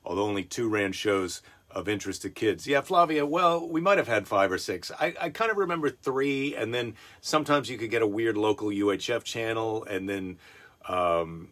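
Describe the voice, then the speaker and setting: A man's voice: lowish voice, animated, moderate pace, a bit bright. A middle-aged man hosting a daily live stream, telling a rambling story with chuckles and self-corrections. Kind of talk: casual rambling monologue.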